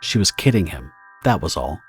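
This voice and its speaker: A male narrator with a very low register tells a pulp-style audio drama in scripted, dramatic fashion over a prominent music bed. His pitch swings widely, and he speaks at a normal speed.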